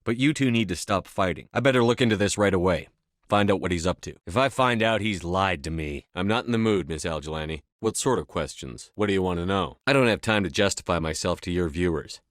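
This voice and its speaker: Deep-voiced, no-nonsense military commander. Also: male voice, expressive, fairly quick, no echo, studio quality. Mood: stern, impatient. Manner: clipped, firm, formal military delivery. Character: steadfast, no-nonsense human male military starship commander. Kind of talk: video game dialogue lines.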